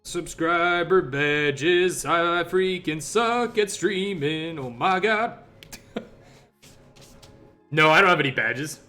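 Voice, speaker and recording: A man's voice: on the high side, slow, long pauses, pushed and bright, faint music behind. A young man streaming live, chatting loosely with viewers and laughing easily, heard through a livestream headset microphone. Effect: livestream headset audio. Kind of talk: casual live-stream chat.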